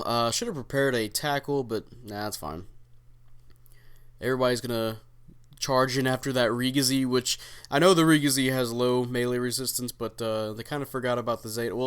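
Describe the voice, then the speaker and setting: A young man with a smooth, clean voice and a middle pitch talks through his own gameplay. He rambles in a relaxed way, with plenty of fillers and casual swearing, like a channel host chatting to regular viewers.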